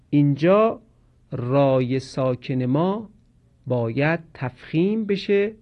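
A man teaches Quranic pronunciation in a slow, measured lesson, drawing out each example word as he recites it. His voice is mid-range and the sound is lo-fi.

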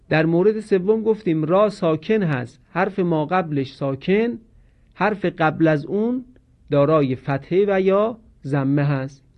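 A man teaching Quranic pronunciation in a slow, measured lesson, drawing out each example word as he recites it. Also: fairly high pitch, muffled recording.

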